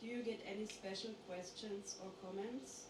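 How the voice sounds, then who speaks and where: A woman reads interview questions aloud, plainly and briefly. The mic is distant and the room is echoey. Clear background noise runs under her voice. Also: medium pitch, fairly even intonation, normal speed.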